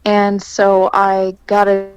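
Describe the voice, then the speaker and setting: A woman's voice: medium pitch, completely flat delivery, slow pace, clear, resonant tone, dry recording, lo-fi sound. An American woman chatting as a podcast guest over an online call, her voice cutting out as the connection breaks up. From United States. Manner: chatty, with frequent fillers. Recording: dropping internet call audio, distant.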